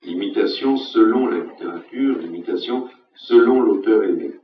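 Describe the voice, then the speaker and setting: A man giving a university lecture in a measured, emphatic way, repeating his key phrases for weight. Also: on the low side, soft background music. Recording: roomy, distant, dull lecture-hall recording.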